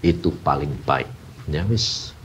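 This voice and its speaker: A man preaching a sermon and telling a personal story, moving between hushed and loud passages and acting out the people in it. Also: extremely low pitch, slow pace, a little hiss or hum. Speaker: evangelist preacher.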